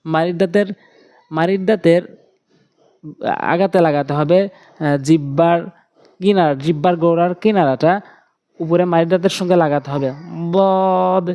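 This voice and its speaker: A man's voice: on the high side, normal speed, pauses often, a little mellow. A man teaching Quran letter pronunciation step by step, patiently repeating each sound and drawing the vowels out.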